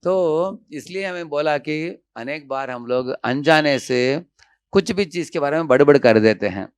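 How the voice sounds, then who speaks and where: A man's voice: on the high side, lively intonation, a little slow, clear, resonant tone, dry recording, clean studio sound. A man giving a devotional seminar talk in Hindi, telling stories with acted quotes and often checking in with his listeners. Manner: storytelling with acted quotes, frequent "haan?" checks. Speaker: devotional speaker. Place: seminar hall with audience.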